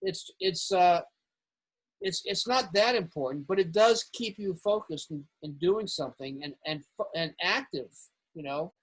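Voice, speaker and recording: Man, club regular, husky voice, heard over a breaking-up video call, rambling chat. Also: sits high, normal speed, fairly bright tone, poor audio. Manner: rambling, repeats words as he restarts. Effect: on a video call, audio breaking up. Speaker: astronomy club board member. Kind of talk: casual chat on a live club session.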